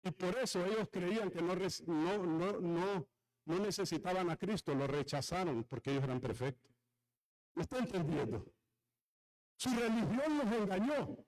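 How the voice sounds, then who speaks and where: A man's voice: moderate pace, low-quality recording. A male pastor preaching a sermon, retelling a story with dramatic swings and asking the congregation questions. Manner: lively pitch swings from high to low.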